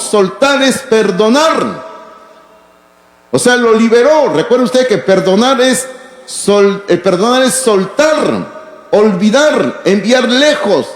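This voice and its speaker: A man preaching a sermon as pastor, emphatic, slowing down to stress key words and asking rhetorical questions. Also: high voice, a little mellow. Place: church hall. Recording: echoey hall.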